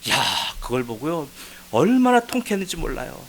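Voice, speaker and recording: A man pastor delivering an emotional sermon, swinging between quiet, low reflection and loud, pleading outbursts. His voice sits a touch higher than usual for a man. Faint hiss runs under the church recording. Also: big pitch swings, moderate pace, low-quality recording. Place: church sanctuary.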